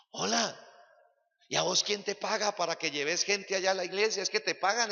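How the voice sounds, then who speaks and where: A sly, nagging tempter's voice, put on by a preacher mid-sermon, needling with one teasing question after another. The voice is high and bright with a gravelly edge. Long church-hall reverb and a dull, lo-fi sound hang over it. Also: male voice, heavily acted.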